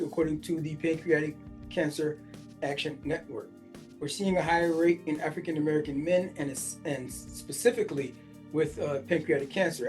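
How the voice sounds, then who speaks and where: A man's voice: on the high side, darkish tone. A man in his forties hosting a podcast, reading a news article aloud and stopping often to react in casual asides full of fillers. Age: 40s. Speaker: podcast host.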